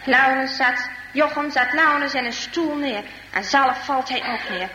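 A woman tells a children's story aloud with dramatic, expressive delivery. Her voice sits high and bright and swings widely in pitch. A long hall echo and faint background noise surround it. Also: a little slow.

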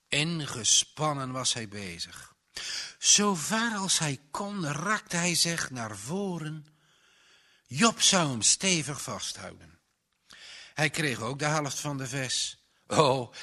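A man reading a children's story aloud, slow and dramatic, with tense pauses. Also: on the high side, sharp tone. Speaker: narrator. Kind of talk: storybook narration.

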